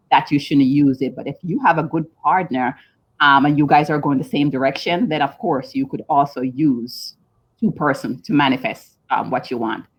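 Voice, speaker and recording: A woman with a Jamaican accent, a guest coach talking casually in an interview with frequent ums. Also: rumbling low. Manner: relaxed, chatty, frequent ums. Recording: dull lo-fi sound.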